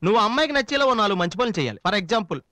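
A rapid, bright-voiced sidekick. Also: male voice, high-pitched, big pitch swings, no echo, studio quality, heavily acted. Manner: rapid, rambling advice-giving. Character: chatty young male sidekick, know-it-all friend. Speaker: film actor. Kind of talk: comic film dialogue.

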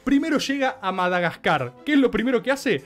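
A man in his thirties with a Rioplatense accent, telling a comic history story on a podcast, animated, slangy and laughing. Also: very high-pitched, a little fast, faint music behind. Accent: Rioplatense Spanish. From Argentina. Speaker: podcast host. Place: radio studio.

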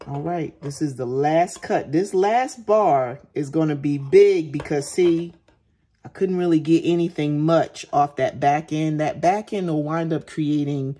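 Female maker-host, deep and soft-edged, talking casually through handiwork at an easy pace. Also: measured pace, husky. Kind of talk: casual narration while demonstrating. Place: indoors at home, at a work table.

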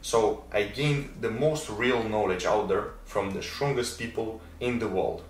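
Here the Moldovan fitness creator and athlete, a twenties-aged native speaker of Romanian and Russian, uses a lowish voice at a measured pace. He explains things casually to camera, stressing points by repeating words. The Christmas-decorated indoor room gives his lapel mic a roomy echo, a distant sound and a little noise.

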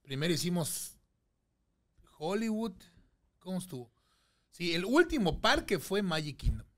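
A man's voice: sits high, a little slow. A middle-aged man with a Mexican accent, telling a story as a podcast guest in casual chat and acting out the voices in it. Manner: animated, acts out voices in his anecdotes.

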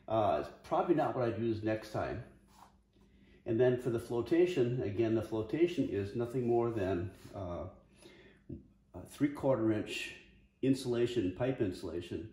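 A plain-spoken, folksy man in his sixties explains his homemade kayak fishing gear in a casual how-to video, filling his speech with lots of "uh"s. His voice is lowish and warm, recorded in an echoey room at home with a wood floor.

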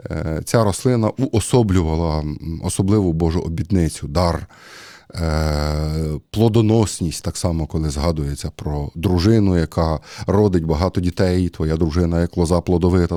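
A man with a low, mellow voice preaches a homily in an easy, talky way. He stops often with fillers as he thinks aloud. The sound is close and dry, with no room echo. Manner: conversational, hesitant with many fillers. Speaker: priest. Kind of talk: sermon.

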